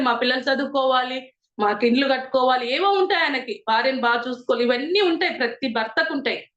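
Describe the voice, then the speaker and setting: A woman's voice: high voice, fairly bright tone. A middle-aged woman telling a moral story in an earnest, preachy, conversational way. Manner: earnest and moralizing, retells a story with quoted dialogue. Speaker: meditation group member sharing experiences. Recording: roomy, dull lo-fi sound.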